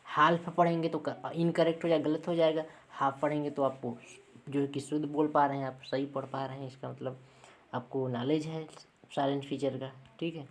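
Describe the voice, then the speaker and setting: Her voice is low-pitched with a darkish tone as she teaches a classroom lesson step by step. After each point she checks in with her students, repeating herself and asking "ठीक है".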